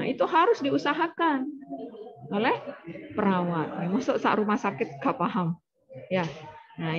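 A woman with a fairly high voice lectures nursing students step by step. She poses questions and answers them herself. The recording is muffled, with a crowd audible behind her. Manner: explains step by step, asks and answers own questions.

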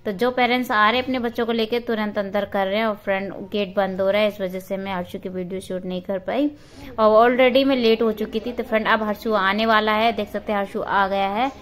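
Filming on a handheld phone outdoors at a park and a school gate, a woman vlogger chats casually with her viewers, addressing them as friends. Her medium-pitched voice is fairly even in intonation and fairly quick.

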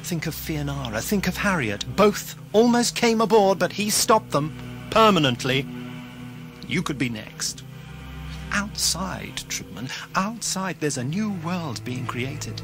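An actor playing a grave, protective time-travelling mentor in an audio drama, earnest, articulate and theatrical. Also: male voice, on the high side, very animated, unhurried, over music. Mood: urgent, pleading.

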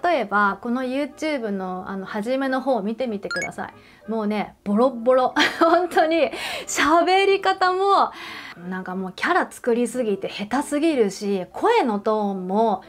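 A woman with a high voice talks straight to the viewer as a counselor, stressing her points and asking questions as she goes. Faint music plays under her words. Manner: emphatic, addresses viewer directly; uses everyday examples and questions. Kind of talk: advice talk to camera.

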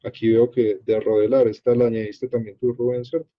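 Man, Colombian accent, online workshop presenter, hesitant with many fillers, husky voice, dull dry call audio. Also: medium pitch, flat delivery, no echo. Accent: Colombian Spanish. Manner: unhurried, halting, many fillers and restarts. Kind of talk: explaining a screen-shared web page.

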